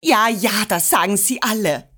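A woman's voice: mid-range voice, normal speed, fairly bright tone, slightly rough. A woman voicing a cheeky grandmother who scolds and plays pranks, switching to a sugary-sweet tone. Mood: scolding. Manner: mock-stern, then sugary sweet.

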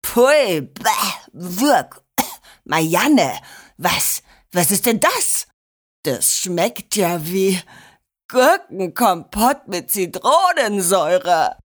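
A woman voicing a jolly old grandfather in a lowered voice, boisterous and sputtering. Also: expressive, moderate pace. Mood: disgusted. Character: jolly old grandfather, cheerful then disgusted.

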